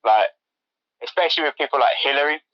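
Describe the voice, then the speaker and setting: A man co-hosting a podcast in casual chat, talking fast and repeating words as he goes. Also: on the high side, no echo. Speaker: podcast co-host. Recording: dry, dull lo-fi sound.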